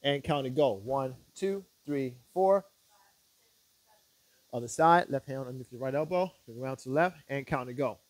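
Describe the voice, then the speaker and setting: A man working as a fitness instructor, guiding stretches with short, measured step-by-step directions and counts. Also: mid-range voice, dry recording.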